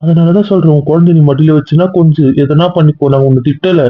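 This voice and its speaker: A man acting as a stern, lecturing young man in a homemade family drama, rattling off his words at a rapid clip. His voice is husky and dry, and the sound is thin and tinny, like a phone line. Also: medium pitch, little pitch movement, dry recording, natural voice. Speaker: actor in a family comedy-drama skit. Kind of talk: casual web-series acting.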